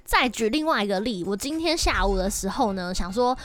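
A young woman, hosting a casual podcast and telling stories in a lively, chatty way. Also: medium pitch, fairly quick, soft background music. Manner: lively, chatty, animated storytelling. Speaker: podcast host.

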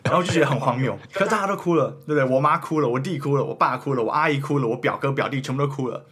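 A young man in his twenties with a Taiwanese Mandarin accent, hosting a podcast in casual chat and thinking out loud in an earnest, rambling way. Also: mid-range voice, racing, slightly rough. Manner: earnest, rambling, self-questioning. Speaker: podcast host.

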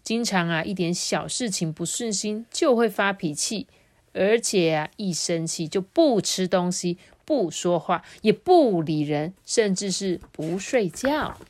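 A woman reading a picture book to children in a lively, sing-song way. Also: on the low side, measured pace. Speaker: storyteller.

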